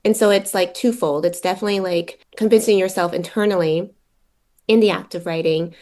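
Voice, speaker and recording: A woman with a slightly low-pitched voice speaks as a poet being interviewed. She is informal and reflective, working out her thoughts aloud in a conversational way. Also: steady tone, a little fast, dark tone.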